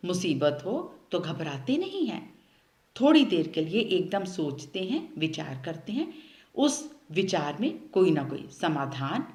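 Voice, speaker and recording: A woman telling a children's story, speaking directly to the young listeners in an animated way. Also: low voice. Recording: roomy echo.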